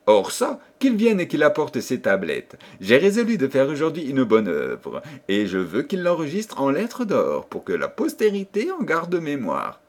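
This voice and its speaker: A man voicing a jolly, excitable old king who speaks fondly to his daughter. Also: fairly high pitch, unhurried, few pauses, pitched above the performer's own voice, full character voice. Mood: fatherly.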